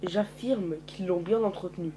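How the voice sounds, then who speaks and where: A man's voice: high voice, normal speed, warm tone, slight background noise. A man narrating his own zombie story in a casual way, acting out all the characters. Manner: acts out every character in turn.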